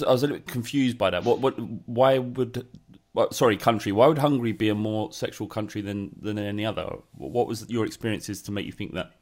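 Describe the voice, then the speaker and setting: A man hosting a podcast, asking questions in a hesitant, halting way. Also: on the low side. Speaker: podcast host. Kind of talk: interviewing a guest.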